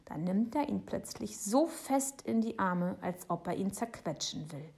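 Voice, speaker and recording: Female audiobook narrator, intimate hushed storytelling. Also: mid-range voice, animated, measured pace, gravelly, breathy edge. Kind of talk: children's book narration.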